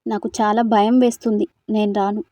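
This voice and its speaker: A woman's voice: medium pitch, level tone, a little fast, warm tone, dry recording, lightly acted. A woman voicing a timid, frightened young woman. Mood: scared. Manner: pleading, timid.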